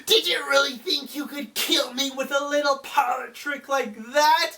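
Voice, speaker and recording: A man's voice: steady tone, normal speed, creaky, sharp tone, heavily acted. A man voicing a cruel, gloating male demon lord in a strained, cackling voice. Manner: taunting, cackling, strained and higher. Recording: voice distant from the mic.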